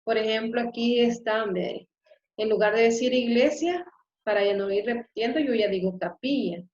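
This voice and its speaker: A woman teacher giving a slow, patient class lecture, often checking in with the students. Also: on the high side, darkish tone. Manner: slow and explanatory, with frequent rhetorical "¿verdad?". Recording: roomy, dull lo-fi sound.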